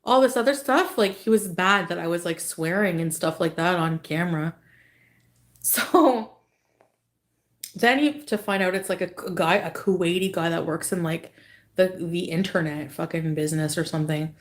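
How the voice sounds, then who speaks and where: A woman's voice: on the low side, normal speed. A woman vlogger telling a story casually, rambling and swearing, with constant filler words. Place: clip from her own video.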